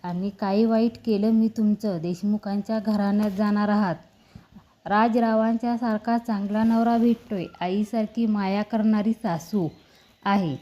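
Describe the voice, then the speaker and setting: A woman's voice: medium pitch, steady tone, unhurried, muffled recording, natural voice. A woman voicing a domineering father who scolds his daughter in a commanding way. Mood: stern. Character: stern, domineering father, a politician.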